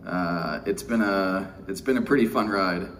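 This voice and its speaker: A middle-aged man from Texas, USA, delivers a wry, self-deprecating keynote at a pension conference, his speech full of fillers. His voice is low, a little slow and fairly bright, recorded live in a large windowless conference room with him far from the mic and faint room noise.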